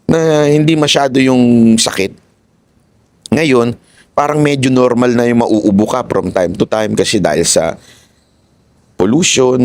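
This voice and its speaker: A man's voice: fairly low pitch, no echo. Heated Filipino man ranting. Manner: heated, mocking, swears, switches into English. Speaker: political commentator. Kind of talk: casual political commentary.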